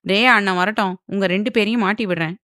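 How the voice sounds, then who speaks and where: A woman's voice: mid-range voice, quick pace, bright, forceful tone, no room sound, studio quality, close to an everyday voice. A woman voicing a playful young girl who threatens to tell on her siblings, in an audio novel. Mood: cheeky. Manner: cheeky.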